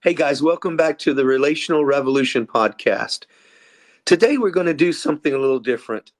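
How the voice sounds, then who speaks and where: Man, higher voice, casual podcast co-host, loose restarts. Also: lively intonation, brisk. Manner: casual, chatty, some restarts. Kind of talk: podcast interview.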